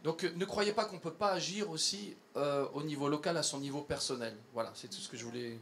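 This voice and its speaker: A man speaking at a public event, earnest in tone and pausing often with fillers and restarts. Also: a little high, a bit bright, a little hiss or hum. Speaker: environmental campaigner addressing company staff. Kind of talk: public talk to an audience.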